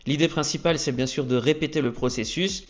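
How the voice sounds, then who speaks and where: A man talking casually to camera about trading, energetic and checking in with "ok?" often. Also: mid-range voice, a little fast, dull audio. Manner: energetic, peppers lines with "ok?". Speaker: trading youtuber. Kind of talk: casual explainer talk to camera.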